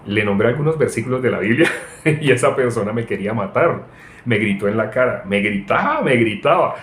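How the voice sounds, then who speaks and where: A middle-aged man preaching an informal sermon, telling personal stories in an animated way with frequent laughs. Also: mid-range voice, fairly quick, a little hiss or hum. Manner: animated, tells anecdotes, mocks voices, frequent laughs. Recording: echoey room.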